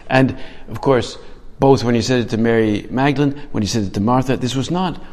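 A man's voice: medium pitch, a little fast, a little mellow. A man giving a reflective homily, asking his listeners many questions and often restarting his phrases. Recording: hall reverb.

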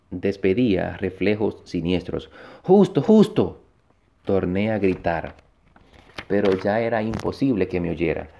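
Low and warm with some vocal fry, this man's voice halts through a first-person short story. He keeps tripping on words and starting them over as he reads aloud.

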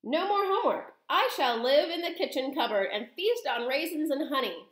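A woman's voice: mid-range voice, very animated, normal speed, a bit bright, roomy sound. A woman voicing a cheerful, greedy little boy who has become a mouse in a storybook, grinning and carefree. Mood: gleeful.

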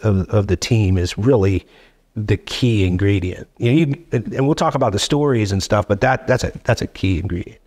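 A man's voice: medium pitch, darkish tone. A middle-aged man as a guest on a casual podcast interview, reflective and repeating words as he thinks, speaking into a desk mic in a wood-paneled studio. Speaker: guest, show co-creator. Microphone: boom mic on desk stand.

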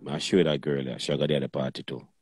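A man joining a casual live chat, relaxed and teasing. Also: rumbling low, very fast, slightly rough, no room sound, studio quality. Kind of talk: casual banter on a live stream.

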